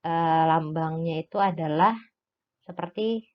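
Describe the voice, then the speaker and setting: A woman with a somewhat low voice teaches a recorded lesson, explaining each point slowly and patiently and pausing often on "eh". The recording sounds dull and lo-fi. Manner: patient step-by-step explaining with frequent "eh" fillers.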